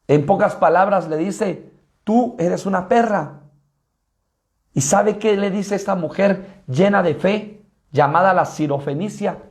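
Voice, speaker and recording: A Guatemalan-accented man preaching a sermon in a notably high voice. He speaks with emphatic conviction and turns straight to his listeners as he teaches. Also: a little slow. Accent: Guatemalan Spanish. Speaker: pastor.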